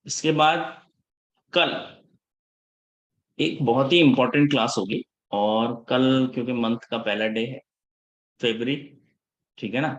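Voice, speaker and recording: A man gives a live class in a loose, chatty teaching voice, switching easily between Hindi and English. He checks in with his students every few sentences and scolds them a little about missed classes. His voice sits at an ordinary middle pitch. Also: takes it slowly, long pauses, dull audio. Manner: casual Hinglish teaching, checks in often with the class. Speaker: instructor.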